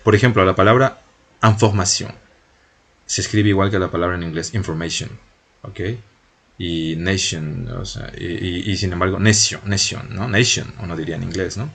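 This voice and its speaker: A man's voice: sits low, a little fast, vocal fry, fairly bright tone. A man giving a patient video lesson on French spelling and sounds, often checking in with his listeners as he goes. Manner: patient, repeats points and checks in with a frequent "¿no?". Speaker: French teacher.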